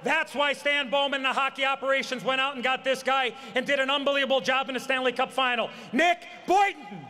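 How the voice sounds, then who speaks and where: High-pitched, booming male rally announcer. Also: flat delivery, quick pace. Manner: booming, builds up to each name. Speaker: master of ceremonies at a championship rally. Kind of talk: rally announcing, drawn-out player introductions. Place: outdoor championship rally. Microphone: public address microphone. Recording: loud outdoor PA with crowd noise. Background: cheering crowd.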